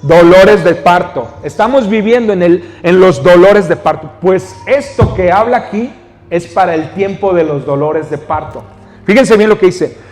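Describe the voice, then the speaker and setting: His voice sits high and sounds a little mellow, moving at normal speed with a big-room sound. The pastor, who has a Mexican Spanish accent, preaches in a church hall, reading scripture and then explaining it while asking the congregation questions.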